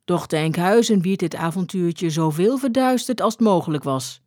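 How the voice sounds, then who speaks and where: Low-voiced woman reading an old tale. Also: lively intonation, normal speed, dark tone, no room sound, studio quality. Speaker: reader. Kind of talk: reading an old-fashioned story aloud.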